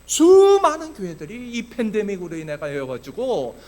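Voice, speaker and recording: Impassioned high-voiced male pastor preaching. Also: huge pitch swings, a little slow. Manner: impassioned preaching, swinging from hushed to loud. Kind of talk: sermon. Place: church sanctuary.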